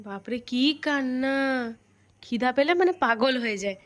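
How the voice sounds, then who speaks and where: Woman vlogger, West Bengal accent, high voice, chatty and direct to camera, home kitchen. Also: moderate pace. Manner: chatty, talks straight to viewers. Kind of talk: casual home vlog.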